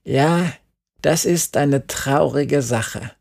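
A man voicing a stubborn, weary old farmer in an audiobook, speaking in a slow, drawn-out grumble. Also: medium pitch, gravelly, darkish tone, heavily acted. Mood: matter-of-fact. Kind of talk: audiobook character voice.

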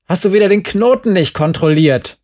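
A man reading aloud and voicing a gruff, middle-aged father who barks orders from scaffolding. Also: high voice, moderate pace, pitched above the performer's own voice, close to an everyday voice. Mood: angry. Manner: shouting.

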